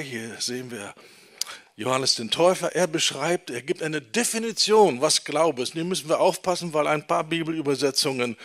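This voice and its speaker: A middle-aged man preaching a teaching sermon in a church, emphatic, slowing down and repeating key phrases for stress. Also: mid-range voice, pushed and bright. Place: church hall.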